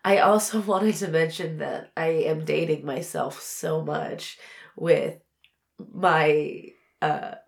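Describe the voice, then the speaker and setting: A woman's voice: low-pitched, fairly even intonation, slow pace, vocal fry. A woman co-hosting a podcast in casual chat, her voice stuffy from a blocked nose. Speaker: podcast co-host.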